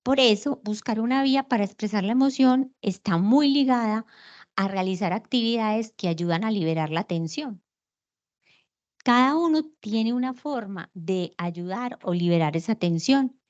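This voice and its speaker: A woman's voice: mid-range voice, lively intonation, moderate pace, darkish tone. Woman lecturer, explanatory, rhetorical questions, somewhat dull lo-fi recording. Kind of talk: online lecture on emotions.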